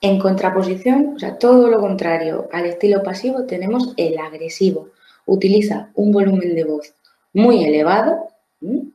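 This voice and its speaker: A woman's voice: medium pitch, normal speed, mellow. A woman, teaching a lesson on social skills. She explains step by step, often repeats words, and checks with the listener through tag questions. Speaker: trainer. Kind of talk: explanatory lecture. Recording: echoey room.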